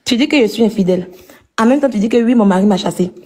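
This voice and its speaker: A woman's voice: fairly high pitch, quick pace, mellow. A woman at home at night, arguing point by point on a live stream and scornfully insulting her rival. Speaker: live-stream clash participant. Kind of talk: heated live-stream argument.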